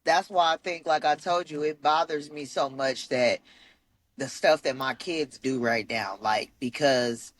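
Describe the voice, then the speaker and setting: A woman's voice: extremely low pitch, measured pace. A woman co-hosting a podcast in casual chat, candid and venting, swearing freely. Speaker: podcast co-host.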